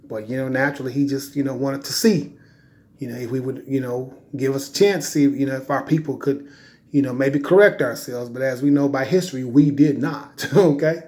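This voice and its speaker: A man's voice: medium pitch, a little fast, a little mellow. A man giving an informal religious teaching, talking conversationally and checking in with "right?" and "okay?" after nearly every point.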